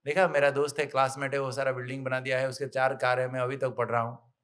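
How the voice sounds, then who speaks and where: A middle-aged man giving a motivational spiritual talk, telling a parable and acting out the characters in lively, excited bursts. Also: mid-range voice, quick pace.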